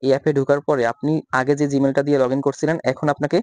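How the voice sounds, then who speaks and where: A man talking through a software tutorial step by step, asking himself questions and answering them. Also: mid-range voice, flat delivery, fast talker, no echo. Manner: repetitive step-by-step instructions, rhetorical questions. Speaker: tutorial host. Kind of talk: screen-recorded software tutorial.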